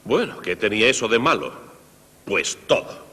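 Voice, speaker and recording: A man presenting a concert for young people, explaining music to children in a lively, direct way, dubbed in Spanish. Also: on the low side, normal speed, long reverb tail. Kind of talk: Spanish dub of a televised music lesson.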